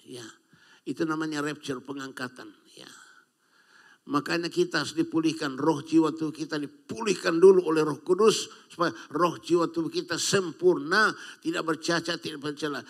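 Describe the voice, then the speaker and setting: A man's voice: on the high side, gravelly. An older Indonesian man preaching a sermon, with calls and frequent amens to the congregation. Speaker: pastor.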